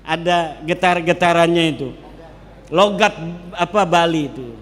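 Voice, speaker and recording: Man, cleric lecturing in a large hall, high voice, joking, long hall echo. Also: measured pace. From Banten, Indonesia. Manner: joking, lively, drops into regional dialects. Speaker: Islamic cleric speaking at a public gathering. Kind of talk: public religious lecture.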